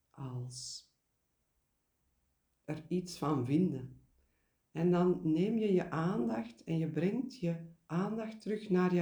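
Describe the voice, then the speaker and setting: A man leads a guided meditation in a soft-edged, mellow voice. He speaks very slowly and deliberately, leaving pauses and repeating key words. The room adds a noticeable echo around him. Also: on the high side, vocal fry. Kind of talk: guided meditation, spoken reflection.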